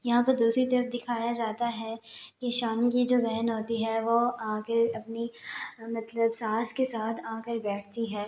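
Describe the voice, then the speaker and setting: Young woman doing a chatty drama recap, lots of fillers, kinda flat, echoey lo-fi room. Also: a little high, slight background noise. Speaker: channel host. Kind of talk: casual drama episode recap. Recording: roomy, dull lo-fi sound.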